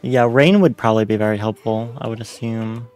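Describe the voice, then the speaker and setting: A man's voice: on the low side, brisk, a little mellow. Laid-back streamer man chatting. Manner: laid-back, teasing, laughs often. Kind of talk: casual chat while gaming.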